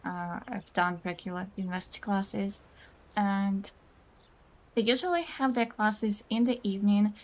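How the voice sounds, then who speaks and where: Streaming a game, this young native Russian speaker talks in a loose, rambling way full of "like"s. She often laughs and reads out messages from her chat. Her voice sits in the mid range.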